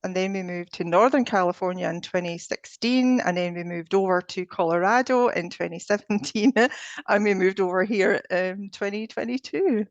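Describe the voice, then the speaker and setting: A woman's voice: medium pitch, moderate pace, dry recording, muffled recording. A woman with a Scottish accent, chatting as an interview guest, with frequent fillers and restarts. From Scotland. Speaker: guest, ascension coach. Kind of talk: casual interview chat.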